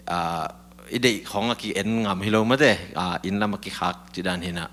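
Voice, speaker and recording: Bright-voiced man chatting on a talk show. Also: fairly low pitch. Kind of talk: casual talk-show conversation.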